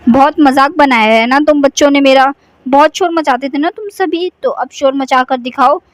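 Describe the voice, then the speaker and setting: A woman plays a cartoon witch, once a young schoolteacher, now bent on revenge. Her voice sits high and sounds threatening. It is recorded dry and close. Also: normal speed, no echo, natural voice. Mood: taunting. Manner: threatening, vengeful. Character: vengeful young woman teacher turned witch. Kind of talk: cartoon voice acting.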